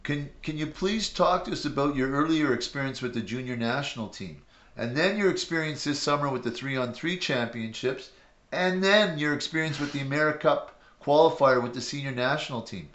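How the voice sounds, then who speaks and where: A man, a basketball coach, hosting an interview show and introducing his players in a measured way. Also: mid-range voice, a bit bright, highs cut off.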